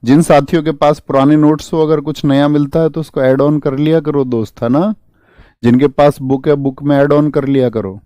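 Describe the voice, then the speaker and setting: A man's voice: fairly high pitch, fairly even intonation, moderate pace, warm tone, clear, resonant tone, no echo. A man teaching an exam-prep class at a board, quizzing students and drilling memory tricks in an emphatic classroom manner. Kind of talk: classroom lecture with mnemonics.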